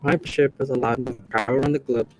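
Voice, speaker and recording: A man's voice: mid-range voice, fairly even intonation, rapid-fire, background noise. A young man from El Salvador, a college student, reading prepared testimony at a meeting. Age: young adult. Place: meeting room.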